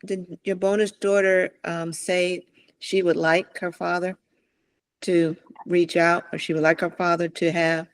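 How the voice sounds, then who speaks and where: A man with a slightly high, level voice co-hosting a casual conversation. He asks careful, probing questions. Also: flat delivery, unhurried, clear, resonant tone, low-quality recording. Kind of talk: casual chat.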